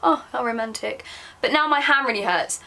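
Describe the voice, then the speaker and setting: Young woman, southern English accent, bright forward voice, slightly high, embarrassed diary reading, self-mocking, chatty asides. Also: fairly quick, creaky. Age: young adult. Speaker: vlogger.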